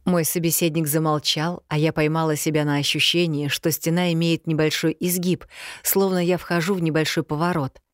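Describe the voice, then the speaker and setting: Brief: woman audiobook narrator, low voice, dry close recording. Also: flat delivery, brisk, no echo. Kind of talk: first-person audiobook narration.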